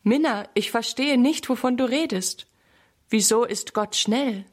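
Woman reading as a calm, pious mother, kindly tone, storybook. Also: mid-range voice, measured pace, lightly acted. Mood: puzzled.

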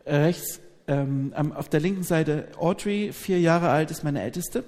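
A man interpreting a live talk phrase by phrase, quick and with hesitant fillers. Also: on the high side, darkish tone. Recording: long hall reverb.

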